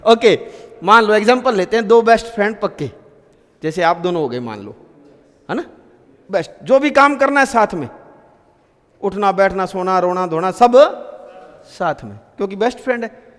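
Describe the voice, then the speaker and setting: Man, teacher, classroom grammar lesson, storytelling, high voice, reverberant room. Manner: storytelling, asks pupils questions.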